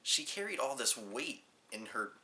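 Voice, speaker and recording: A man's voice: medium pitch, very animated, unhurried, bright, forceful tone. A man hosting a casual movie review, talking in a rambling, offhand way with self-mocking jokes. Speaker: film reviewer and show host.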